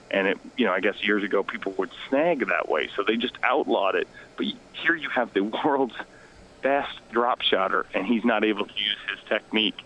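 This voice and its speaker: Bright-voiced man in hushed, joking talk. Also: lowish voice, rough recording. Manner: hushed, quieter than usual; self-deprecating and joking. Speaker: guest, fishing show host. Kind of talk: casual radio interview chat. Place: outdoors by a lake.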